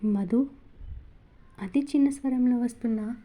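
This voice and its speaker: A woman narrating a romance audio story in a steady, expressive reading voice. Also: on the high side, moderate pace.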